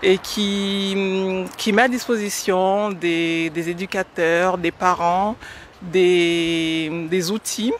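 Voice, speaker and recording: A woman from French Guiana in her forties, answering radio interview questions about teaching with hesitant pauses and many fillers. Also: fairly low pitch, slight background noise. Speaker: guest, educator.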